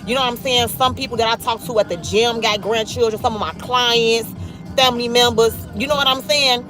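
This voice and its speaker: A Chicago woman in her thirties livestreams from her car while driving, reading viewers' comments aloud and chatting bluntly and profanely in her local accent. Her voice is a little high and steady, slightly fast, with music underneath.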